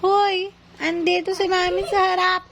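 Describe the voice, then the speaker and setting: A mother in a casual home video, coaxing her toddler with slow, playful questions. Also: extremely high pitch, noisy background.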